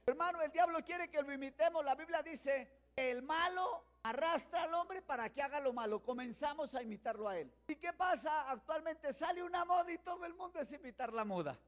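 Pastor de voz muy aguda. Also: male voice, extremely high pitch, expressive. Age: older. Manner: slows for emphasis and rises to loud exhortation. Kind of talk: sermon. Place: church.

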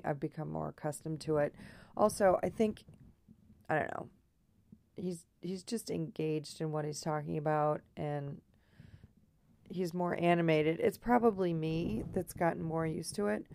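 Woman w/ a hoarse scratchy frog voice, super gravelly, slow rambly casual monologue, dry close sound. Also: low voice, mellow, dry recording. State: throat trouble, hoarse. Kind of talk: casual personal monologue, thinking aloud.

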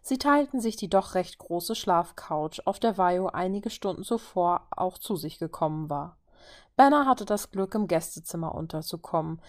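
A woman's voice: fairly low pitch, animated, normal speed. A woman reading a story aloud as narrator, lifting her voice for each figure's lines. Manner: reads all figures in turn, lifting her voice for dialogue. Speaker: reader.

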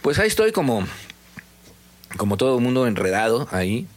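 A man's voice: medium pitch, sing-song, a little fast. A man with a Mexican accent giving his views as a singer-songwriter guest on a casual podcast, in emphatic, slangy speech. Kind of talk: casual podcast interview talk.

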